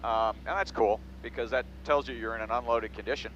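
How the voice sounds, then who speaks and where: A man's voice: medium pitch, fairly even intonation, brisk. A man giving technical in-flight commentary as a pilot, matter-of-fact, with clipped procedural callouts from a small airplane cockpit. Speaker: pilot demonstrating flight maneuvers. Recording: dull audio, loud aircraft cabin noise. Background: engine and cabin drone.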